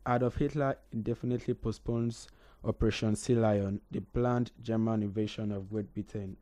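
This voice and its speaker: A man's voice: fairly low pitch, fairly even intonation, moderate pace, dark tone. A man co-hosting a casual history talk, often hesitating and repeating words as he thinks. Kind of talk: casual radio history chat.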